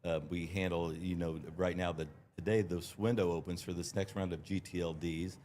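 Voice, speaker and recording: A man with a deep voice introduces himself as a guest, measured and a little hesitant. Faint conference-floor ambience sits behind him. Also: flat delivery, darkish tone, a little hiss or hum. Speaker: guest, domain investor and lawyer.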